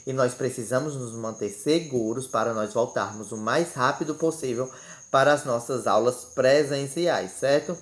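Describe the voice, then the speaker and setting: A man's voice: medium pitch, moderate pace. A man teaching a remote lesson, listing words in a didactic way and checking in with the class after each point. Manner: didactic, ends phrases with "certo?". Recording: roomy echo.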